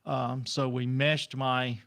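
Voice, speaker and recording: Man, radio guest, halting rambling speech, lots of ums. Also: medium pitch, level tone, fairly bright tone. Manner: hesitant, rambling with many fillers. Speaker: guest, pirate hobbyist. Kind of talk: radio interview.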